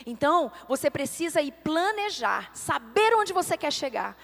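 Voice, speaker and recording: A woman pastor preaching a passionate sermon to her congregation, asking questions and building toward near shouts. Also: high voice, big pitch swings, normal speed, gravelly. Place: church sanctuary. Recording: long church hall reverb with faint music.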